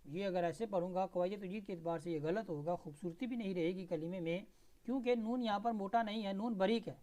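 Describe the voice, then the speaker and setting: A man teaching Tajweed, spelling out and reciting verses slowly syllable by syllable, then explaining the rules in brisk asides. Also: sits high, mellow. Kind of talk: Tajweed lesson with slow recitation.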